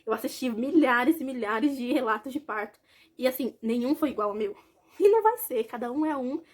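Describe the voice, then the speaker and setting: Fast-talking young Brazilian woman. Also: high voice, expressive. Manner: chatty, speaks straight to viewers. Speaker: vlogger. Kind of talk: casual personal story to camera.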